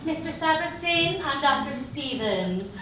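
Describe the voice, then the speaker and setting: A woman acting out a calm doctor breaking bad news in a flat, reassuring way. Her voice is high and distant, in a very echoey theater, with hiss behind it. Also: unhurried, over loud music. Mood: matter-of-fact. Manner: matter-of-fact, reassuring. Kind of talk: stage comedy acting. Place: theater stage.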